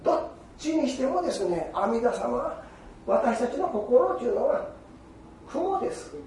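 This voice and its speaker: An older man with a giving a Buddhist sermon in an animated storytelling manner, acting out quoted exchanges. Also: very high voice, moderate pace, a little hiss or hum. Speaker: Buddhist preacher. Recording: echoey hall from far off.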